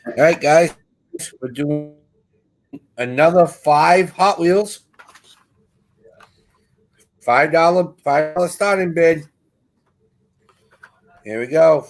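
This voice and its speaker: A man announces items for sale over a video call, and his audio breaks up into choppy fragments. He talks at an unhurried, drawn-out pace. His voice sits a little higher than most men's. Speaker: co-host calling auction lots. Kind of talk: live online auction calling.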